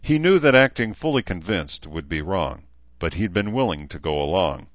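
Deep-voiced male audiobook narrator. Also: moderate pace, no echo. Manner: steady, even storytelling. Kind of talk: scripted narration. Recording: slightly muffled dry audio.

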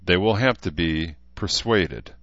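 A man's voice: low-pitched, a little slow, no echo. A man doing a cold, commanding warlord. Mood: persuasive. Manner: calm, persuasive, commanding. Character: menacing male warlord, self-assured and cold. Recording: slightly muffled dry audio.

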